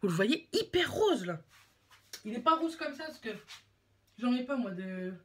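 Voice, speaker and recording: Very animated and fairly high-pitched, a young woman from France chats at a moderate pace while doing her makeup at home. The beauty vlogger rambles, uses slang, and mocks herself, her tone fairly bright.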